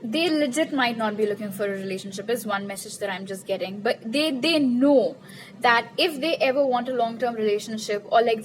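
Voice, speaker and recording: A woman's voice: fairly high pitch, a little hiss or hum, poor audio. A woman reading tarot cards in a casual, chatty way, repeating her questions to Spirit and laughing at her own jokes. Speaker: tarot reader.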